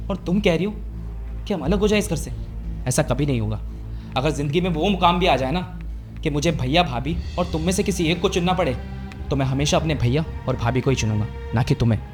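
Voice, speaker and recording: A man's voice: on the high side, expressive, fast, faint music behind, close to an everyday voice. A man playing a young husband loyal to his elder brother who lectures his wife in a scripted family drama. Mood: lecturing. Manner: lecturing, stern.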